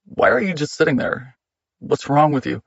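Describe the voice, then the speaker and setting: A man voicing a controlling, gaslighting husband who barks accusations, with a gravelly, husky voice, recorded dry and a bit muffled. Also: on the high side, lively intonation, normal speed, no echo. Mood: condescending. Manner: loud and accusing.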